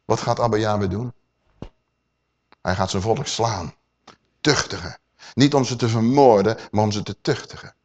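A man preaching a sermon, dramatic, swinging from loud declaiming to quiet asides and asking his listeners questions. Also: lowish voice, moderate pace, long pauses. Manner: addresses listeners with rhetorical questions.

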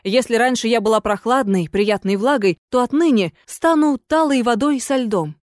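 A woman's voice: fairly high pitch, moderate pace, darkish tone, no echo, clean studio sound, lightly acted. A woman voicing a fearful, pleading female water ghost in an audiobook, in a plaintive, imploring manner. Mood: threatening.

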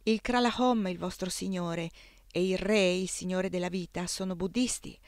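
Brisk widowed governess, resolute, dry close voice, read by a woman. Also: lowish voice, steady tone, no room sound, lightly acted. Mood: firm. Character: Anna, firm widowed English governess.

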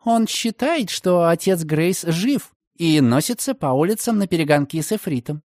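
A proud young woman, bristling with indignation, her voice pitched high and hissing with accusation, as a male narrator puts her on. The sound is dry and close, with lively swings of pitch. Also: moderate pace, no echo, natural voice. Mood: indignant.

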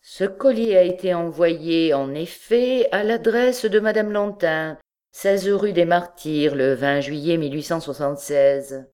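A woman's voice: lowish voice, a little slow, warm tone, natural voice. A woman voicing a formal, wary male goldsmith who speaks precisely.

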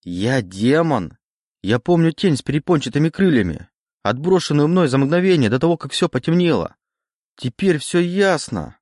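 A scared, confused young man in a storybook, his voice pitched up high with panic as he pleads and demands answers. He is played by a man narrating the book. The recording is close and dry. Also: sing-song, moderate pace, dry recording. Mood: frantic.

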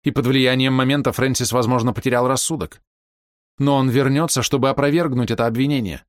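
A man's voice: medium pitch, steady tone, a little fast, dry recording, studio quality, voice pushed up, lightly acted. A man voicing a proud, distraught older woman who pleads and flares up in indignation. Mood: defiant. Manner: pleading, indignant, breaking into outbursts. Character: proud distraught older woman, fiercely defending her brother.

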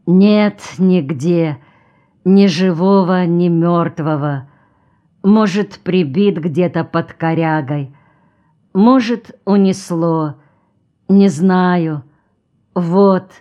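A woman's voice: fairly low pitch, slow pace, lo-fi sound. A woman reading the lines of a tired, plain-spoken male horseman in an audiobook, in blunt country speech. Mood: exhausted.

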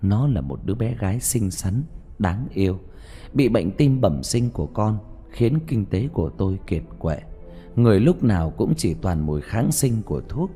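A man reading a first-person story aloud in a slow, emotive, mournful narration. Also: fairly low pitch, expressive, slightly rough. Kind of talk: dramatic audiobook narration. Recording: soft music bed behind.

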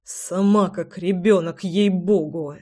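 A reader voicing Raylikh, an angry young man who is a detective and a prince. He is blunt, shouts and swears. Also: high voice, steady tone, slow. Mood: heated.

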